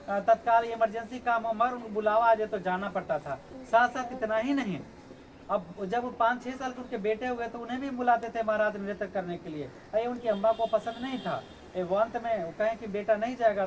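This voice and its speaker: A male teacher giving a classroom lecture, explaining the lesson, asking students rhetorical questions and reciting verses. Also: sits high. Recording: noisy classroom recording.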